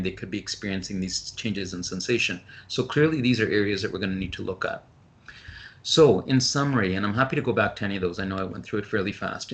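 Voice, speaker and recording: Low-voiced man lecturing on a video call. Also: fairly bright tone. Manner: brisk, explanatory, with frequent ums and restarts. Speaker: physician presenting a webinar. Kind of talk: webinar presentation.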